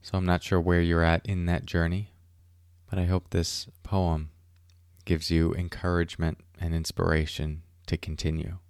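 A man with a deep voice speaks intimately, as if right in the listener's ear. His delivery is calm and unhurried, with very little rise and fall, like a meditation teacher guiding a reflection. The close, dry sound leaves no room around the words. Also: smooth, no room sound. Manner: measured, unhurried, with deliberate pauses. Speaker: podcast host and mindfulness teacher. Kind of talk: calm guided reflection and poem reading. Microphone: close mic in a dry space.

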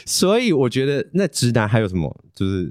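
A man's voice: medium pitch, fairly quick, no room sound, studio quality. A man co-hosting a casual chat podcast, telling blunt stories and mimicking others as he goes. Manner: blunt, animated storyteller who mimics others. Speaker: podcast co-host.

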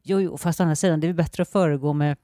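A woman's voice: deep voice, fairly even intonation, dark tone, dry recording, clean studio sound. A woman in her fifties with a Gothenburg Swedish accent, chatting casually and telling stories with frequent laughter and casual swearing. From Sweden. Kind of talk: casual chat.

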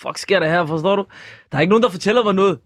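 Excitable higher-voiced male co-host. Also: no echo. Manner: excitable, slangy banter. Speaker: podcast co-host. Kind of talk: casual chat.

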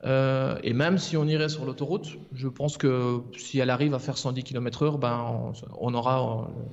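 Man in a muffled, reverberant room. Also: mid-range voice. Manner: joking, relaxed, halting with fillers. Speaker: regular columnist. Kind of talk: casual podcast chat. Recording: dull lo-fi sound with long reverb.

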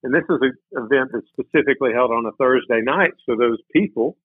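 A man's voice: medium pitch, quick pace, breathy edge, dry recording. A man who is a city mayor, calling in to a radio show over phone call audio and chatting in an easygoing, upbeat way. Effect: tinny phone call audio. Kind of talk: casual radio chat. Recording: dry tinny phone line.

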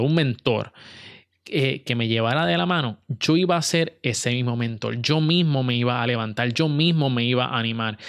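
A man's voice: mid-range voice, gravelly, dry recording, studio quality. A man talking casually and earnestly to his viewers, with hesitations and restarts. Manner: earnest, with frequent fillers and restarts. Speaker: video creator. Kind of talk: casual personal talk to viewers.

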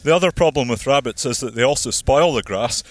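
A man, a farmer explaining his land in a measured, practical way while walking outdoors and slightly out of breath. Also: mid-range voice. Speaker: farmer and landowner. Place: outdoors on a hillside plantation.

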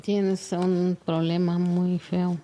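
A woman's voice: on the low side, little pitch movement, extremely slow, warm tone, slight background noise. A middle-aged woman from Mexico, guest on her daughter's podcast, talking in a frank, motherly way. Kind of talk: casual podcast chat.

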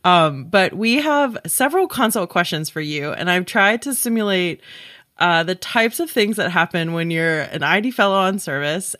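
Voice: mid-range voice, pushed and bright, dry recording, clean studio sound. Podcast host presenting a clinical case. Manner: measured, clinical, explanatory.

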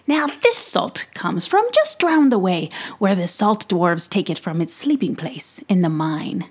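A woman voices a jolly, showy male pixie peddler, stretching out his sales patter in a booming, sing-song voice. The delivery is unhurried and heavily acted, with a breathy edge.

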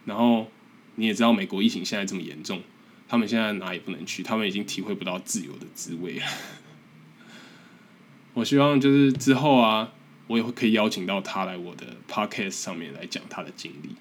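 A young man with a Taiwanese Mandarin accent hosts a casual podcast monologue. His voice sits fairly low and has a husky grain. He talks in an earnest, encouraging way and pokes fun at himself. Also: a little fast. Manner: earnest, encouraging, self-deprecating. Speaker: podcast host.

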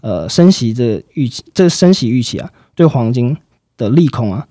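A man explaining market outlooks in a fast, explanatory way, with frequent fillers and sentence-final particles. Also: mid-range voice, very animated, warm tone, husky, no room sound, studio quality. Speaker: market analyst guest. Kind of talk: financial commentary chat.

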